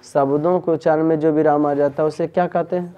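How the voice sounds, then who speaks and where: A man's voice: on the high side, flat delivery, fairly quick, muffled recording. A man, teaching a grammar lesson in a tuition classroom and asking students the same questions again and again. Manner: drills students with repeated questions.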